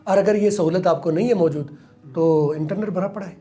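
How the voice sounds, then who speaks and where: A man's voice: high voice, warm tone, soft background music. A man explaining English pronunciation as a teacher, emphatic, repeating words to demonstrate them. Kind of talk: explaining in a studio interview.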